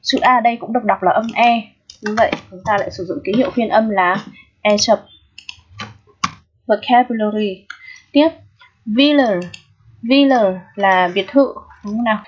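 A woman's voice: medium pitch, fairly quick, husky. A Vietnamese-accented woman teaching, going through a middle-school English exam step by step and often checking that her students follow. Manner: patient, checks in often with the class. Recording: dull lo-fi audio.

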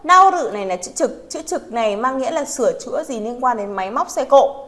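A woman teaching a vocabulary lesson. She reads example sentences slowly, explains each one, and often checks in with her learners. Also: on the high side, expressive, a bit bright. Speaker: Japanese teacher.

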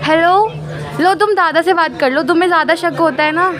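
A woman's voice: very high voice, a little fast, crowd noise. A young woman on a staged prank phone call, insistent, annoyed and pleading. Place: metro train. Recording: crowded noisy metro carriage.

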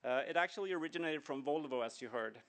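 A man's voice: fairly high pitch, lively intonation, quick pace, a bit bright. A middle-aged man from Sweden and Venezuela, speaking earnestly at a conference with many fillers and restarts. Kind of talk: conference talk.

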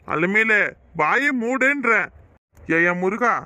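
A greedy village landlord who bosses and schemes, as a man voices him. His voice is high and bright, recorded dry for a cartoon. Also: expressive, takes it slowly, no room sound, heavily acted. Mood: scheming. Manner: bossy, scheming.

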